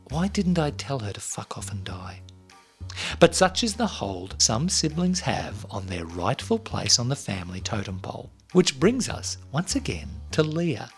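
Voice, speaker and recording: A woman hosting a podcast, speaking in a wry, articulate, expressive way. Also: rumbling low. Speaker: podcast host. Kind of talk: scripted storytelling narration and interview.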